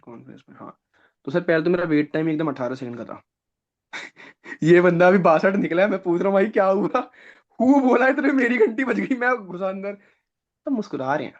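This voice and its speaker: A young man, a guest on an interview show, telling animated stories and acting out other people's lines. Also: high voice, brisk. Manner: lively, acts out other people's lines, laughs often. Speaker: guest, defence-services aspirant. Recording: slightly dull, lo-fi audio.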